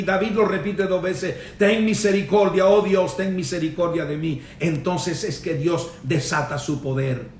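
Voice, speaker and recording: A man preaching a sermon in a high voice, pressing each point with fervent amens and hallelujahs. His voice rings out in a roomy, echoing church space. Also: distant mic, a little hiss or hum. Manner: emphatic preaching, punctuated with amen and hallelujah. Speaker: pastor.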